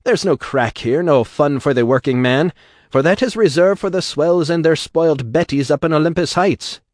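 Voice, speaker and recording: Reading an audiobook, a man voices a fiery male agitator with an Irish brogue who bellows rousingly to a crowd. The delivery is a little high, pitched above his own voice yet close to an everyday one, at a moderate pace with a darkish tone, in clean studio sound with no room echo.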